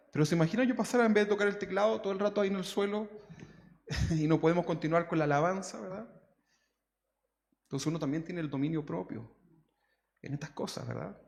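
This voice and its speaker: A man preaching a conversational sermon, always adding tag questions to his congregation. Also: fairly high pitch. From Chile. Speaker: pastor. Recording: long church hall reverb.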